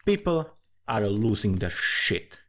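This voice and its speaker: Slow, very animated and a bit bright, this man's fairly low voice carries a rambling, curse-filled commentary on the fantasy world he's writing. He's an amateur writer who thinks aloud and keeps restarting his phrases.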